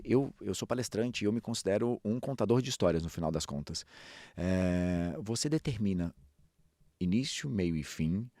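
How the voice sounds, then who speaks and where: Low-voiced man telling stories. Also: dry recording, clean studio sound. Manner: storytelling, animated swings in pitch and pace. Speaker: speaker and public-speaking coach. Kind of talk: podcast talk on public speaking.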